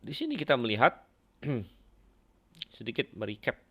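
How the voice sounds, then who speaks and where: A man teaching an online Bible class, unhurried, pausing often with fillers. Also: medium pitch, wildly swooping pitch, fairly bright tone, breathy edge. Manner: unhurried, with many fillers and hesitations.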